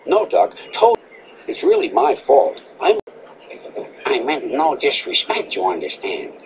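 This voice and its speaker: A man's voice: mid-range voice, wildly swooping pitch, a little slow, creaky, a little hiss or hum, pitched above the performer's own voice, exaggerated voice. A man voicing a worried young male steam engine who apologizes and pleads in a raised, strained voice. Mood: apologetic.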